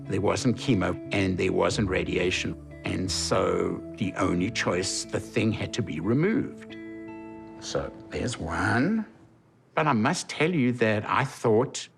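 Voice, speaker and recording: A man's voice: lowish voice, gravelly. A man of about sixty with a South African accent, frankly and wryly telling his story in a documentary interview. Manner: frank, wry, chatty. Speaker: prosthetic eye patient. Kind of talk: documentary interview and self-narration.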